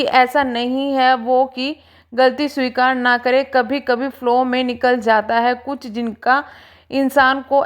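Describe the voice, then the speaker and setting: A young woman vlogger talking to her viewers, defending herself in a defensive, emphatic, repetitive way. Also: high voice. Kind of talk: clarification vlog to viewers.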